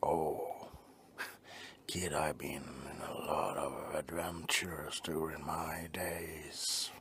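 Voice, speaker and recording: A man playing a salty old fisherman in a soft-spoken ASMR roleplay, telling sea tales to kids in a breathy, rambling half-whisper with folksy gruffness. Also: extremely low pitch, level tone, drawn-out words, slight background noise, full character voice. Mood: folksy, teasing.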